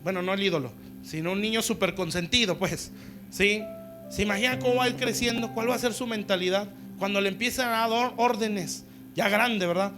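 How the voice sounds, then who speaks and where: At a church service, a male pastor delivers a sermon in a conversational way, often checking in with "¿sí?" and acting out the voices of people he quotes in dialogue. His voice is high-pitched and a little fast, with music playing in the background.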